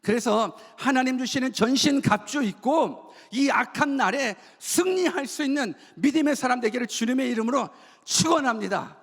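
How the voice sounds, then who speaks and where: Man, pastor, sermon, very high voice, rhetorical questions, long church-hall echo. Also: normal speed, fairly bright tone. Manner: asks the congregation many rhetorical questions; leads call-and-response repetition. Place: church sanctuary.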